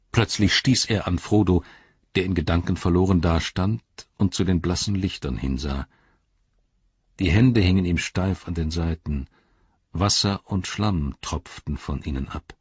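A man narrating a fantasy audiobook in a measured, expressive storytelling manner. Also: sits low, slightly rough, dry recording, dull audio.

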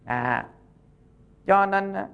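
A Buddhist monk, giving a sermon as folksy storytelling and acting out the characters' lines. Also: male voice, sits high, lively intonation, very slow, gravelly, clean tone, muffled recording.

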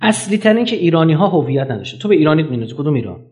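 A man giving a lecture to an audience, emphatic, firing off rhetorical questions and swinging his pitch up and down. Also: very animated, a little mellow.

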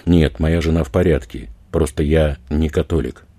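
A man voicing a calm, polite foreign male tourist who answers quietly and evenly. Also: rumbling low, normal speed, breathy edge, no room sound.

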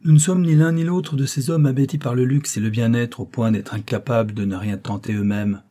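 A man's voice: mid-range voice, fairly even intonation, a little fast, dark tone, close to an everyday voice. A man reading the part of a poor young painter who lays out his plan with earnest intensity. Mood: earnest resolve.

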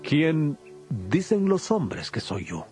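A man's voice: on the high side, huge pitch swings, slow, a little mellow, exaggerated voice. A man playing Jesus as an authoritative, emphatic teacher in a solemn dramatized audio Bible. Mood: calm, instructing. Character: Jesus, authoritative adult male teacher rebuking and instructing. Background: prominent music.

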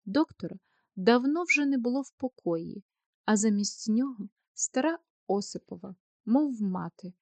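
Woman reading an old story aloud, measured, kinda high voice, no room sound. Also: warm tone, no room sound. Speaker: audiobook narrator. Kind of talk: literary audiobook narration.

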